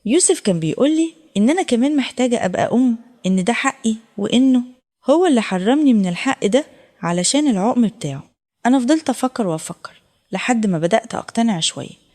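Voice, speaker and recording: A woman's voice: fairly high pitch, expressive, quick pace, darkish tone. A woman with an Egyptian accent narrating a first-person audio story in an earnest, confessional way. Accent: Egyptian Arabic.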